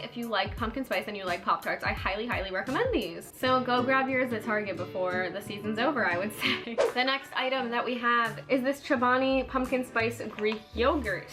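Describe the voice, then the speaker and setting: A young woman vlogging a casual taste test, chatty and candid, with lots of "like" as filler. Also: mid-range voice. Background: soft background music.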